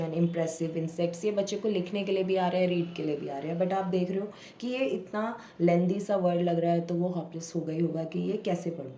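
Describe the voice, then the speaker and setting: A woman teacher explaining reading methods to parents at an unhurried pace, sometimes sounding out word parts slowly. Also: on the low side, mellow. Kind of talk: home tutorial for parents. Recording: echoey room with faint background noise.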